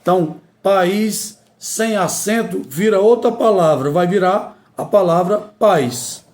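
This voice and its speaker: A man teaching spelling rules in a slow, deliberate way, repeating each key word. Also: sits high, a little mellow. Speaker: Portuguese language teacher. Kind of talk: grammar lesson.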